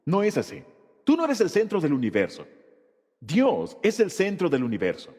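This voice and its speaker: A man preaching a sermon with a husky, slightly rough voice that sits fairly high. His delivery swings widely in pitch as he presses each point home. A long reverb trails behind his words. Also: huge pitch swings, moderate pace, a little mellow. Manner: emphatic preaching delivery with rhetorical questions. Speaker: Spanish voice-over of a pastor's sermon.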